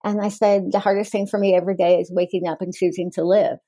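A woman's voice: mid-range voice, level tone, fast, mellow, no echo. A woman in her forties, a guest author in a candid podcast interview, talking frankly with wry humor and easy laughter.

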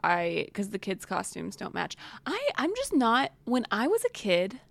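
A young woman co-hosting a podcast, telling stories in lively casual chat. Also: mid-range voice, unhurried, creaky, dry recording. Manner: animated storyteller, breaks into loud chants. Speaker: podcast co-host.

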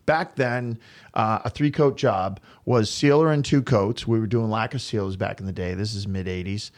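A man in his fifties hosting a podcast, telling work stories from his flooring business in a blunt, animated way. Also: fairly low pitch, normal speed. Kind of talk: casual storytelling podcast.

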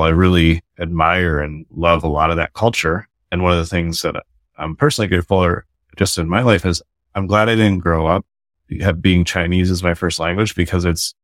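An American man, a guest author and company founder, earnestly explains his ideas in a casual podcast conversation, often restarting his sentences. His voice is low-pitched and a bit bright. The studio-quality recording has no room sound.

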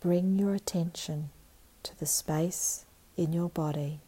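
Calm, very slow meditative woman, soft-voiced. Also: lowish voice, breathy edge. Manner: calm, meditative tone with long pauses. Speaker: meditation guide. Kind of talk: guided meditation narration.

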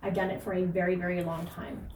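A woman's voice: fairly low pitch, little pitch movement, fast, a little mellow. Emphatic woman fitness coach, echoey room. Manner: emphatic, earnest, frequent fillers and laughs. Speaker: fitness and nutrition coach, podcast host. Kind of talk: casual podcast advice. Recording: echoey room, distant mic, faint noise.

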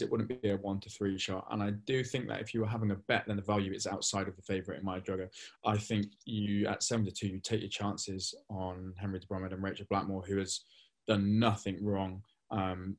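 A young man co-hosting a racing tips podcast, relaxed and thinking aloud with frequent ums. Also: lowish voice. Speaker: racing tipster co-host. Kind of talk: casual podcast chat.

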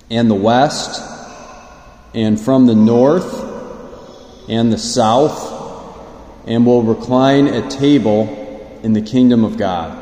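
Brief: male priest, slow and measured delivery, mid pitch, big cathedral echo with long reverb tail. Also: warm tone. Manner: slow and measured, with loose fillers when preaching. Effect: echoing church reverb. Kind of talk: Gospel reading and homily at Mass. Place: large church. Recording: roomy hall with long reverb.

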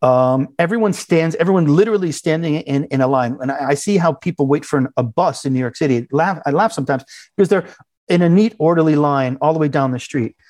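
A man as an interview guest, talking in a halting, conversational way with many restarts and fillers. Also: on the high side, darkish tone, no echo. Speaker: interview guest, business owner.

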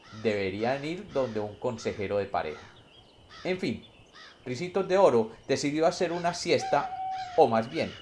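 A man's voice: mid-range voice, a little hiss or hum. A man narrating a comedic fairy tale in a dry, satirical storytelling manner.

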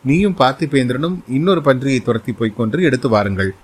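A man's voice: medium pitch, animated, fast, slightly rough. A man voicing a fierce, restless young prince who gives orders and challenges his companions in a spoken story. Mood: commanding. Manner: commanding, challenging.

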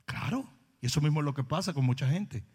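A man preaching, his voice sitting fairly high for a man. He tells stories animatedly, swings up to shouts, then drops low and earnest. Long reverb from a large church hall trails every phrase. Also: fast talker, breathy edge. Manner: animated storytelling, shouting at peaks. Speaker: pastor. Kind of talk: sermon.

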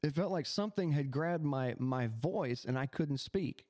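A man hosting a podcast, telling a personal spiritual experience in an animated, halting way with many restarts. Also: a little high, no room sound, clean studio sound. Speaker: podcast host.

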